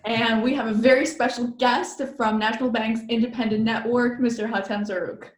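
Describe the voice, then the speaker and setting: A woman's voice: a little high, fairly even intonation, brisk. A young woman hosting an interview show, opening with an upbeat welcome and questions to a guest. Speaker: host. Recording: roomy with faint noise.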